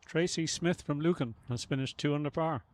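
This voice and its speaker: Man, measured golf co-commentator. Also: on the high side.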